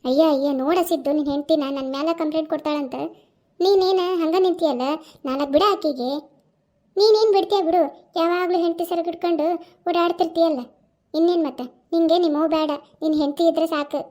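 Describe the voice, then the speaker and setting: A woman's voice: very high voice, quick pace, dark tone. Woman doing a bossy cartoon mother-in-law. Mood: goading. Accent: North Karnataka Kannada. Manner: bossy, threatening. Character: domineering scolding mother-in-law. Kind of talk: cartoon voice acting.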